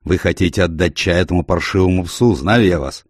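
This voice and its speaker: Male reader playing a grumbling, blunt old landlady, gruff but kind, low husky voice. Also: fairly quick, dry recording, studio quality.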